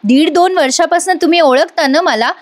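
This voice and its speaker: A woman voicing a calm, firm young daughter-in-law who answers in a level, blunt way. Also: sits high, brisk, pitched above the performer's own voice, natural voice.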